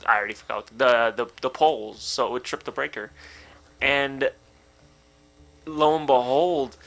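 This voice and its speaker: A man's voice: mid-range voice, fairly even intonation, unhurried, fairly bright tone. A young man on a casual gaming podcast, telling a story with lots of swearing and laughter. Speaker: podcast co-host.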